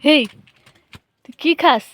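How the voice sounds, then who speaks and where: A woman's voice: slow pace, fairly bright tone, slight background noise. A woman vlogging at home, coaxing and playfully talking to a small child in a sing-song way. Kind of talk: casual home vlog talk to a small child.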